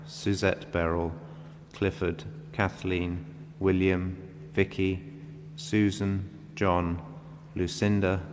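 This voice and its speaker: Man, low voice, very level intonation. Solemn prayer reader in a big echoing church. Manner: solemn, measured phrasing. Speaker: reader of intercessions. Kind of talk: liturgical prayer reading. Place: large reverberant church, indoors. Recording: long church reverb, background hum.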